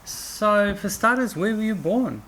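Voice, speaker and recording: A woman's voice: medium pitch, animated, a little slow, background noise. A woman hosting a casual interview, asking her co-host questions in a hesitant way with many ums.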